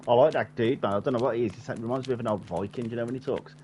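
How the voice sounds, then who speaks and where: A man chatting casually while gaming, a relaxed storyteller who likes to mimic his friends. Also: medium pitch, rapid-fire. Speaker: gamer.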